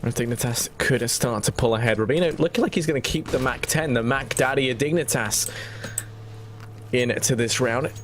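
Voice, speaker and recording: A man's voice: medium pitch, moderate pace, a little hiss or hum. A man working as an esports caster, giving flowing, dramatic play-by-play commentary on a shooter match with colourful flourishes.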